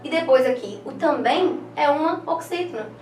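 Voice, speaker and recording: A woman's voice: sits high, animated, moderate pace, darkish tone, reverberant, distant mic, a little hiss or hum. A woman with a Brazilian Portuguese accent teaching an online exam-prep lesson. She talks in a chatty way, with many fillers, and ends her phrases with "né?".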